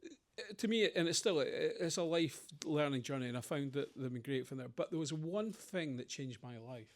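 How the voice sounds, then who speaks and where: A man's voice: a little high, expressive, moderate pace. A middle-aged Scottish man speaking on a panel, telling rambling stories and acting out the people in them. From Scotland. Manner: rambling anecdotes with quoted voices. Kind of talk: conversational Q&A storytelling.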